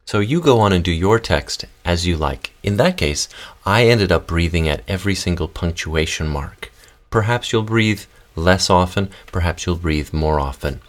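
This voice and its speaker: A man with a very low, deep voice leads a podcast voice lesson. He talks in a calm, guiding way and walks listeners through each exercise step by step. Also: normal speed. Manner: calm, guiding instructions with demonstrations. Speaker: voice and text coach.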